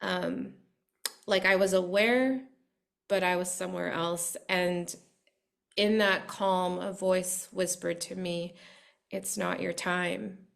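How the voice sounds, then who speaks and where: A woman's voice: lowish voice, fairly even intonation, slow pace, vocal fry. A young adult woman hosting a podcast, sharing a personal story earnestly and reflectively, with many fillers. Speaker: podcast host. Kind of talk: heartfelt conversation.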